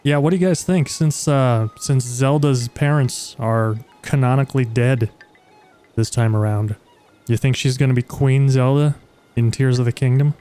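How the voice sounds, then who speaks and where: Guy streaming a game, jokey and crude, mellow dark voice, soft music behind. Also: medium pitch, fairly even intonation, moderate pace, clear, resonant tone. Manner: joking, crude, chatty asides. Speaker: gaming streamer. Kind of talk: casual game commentary.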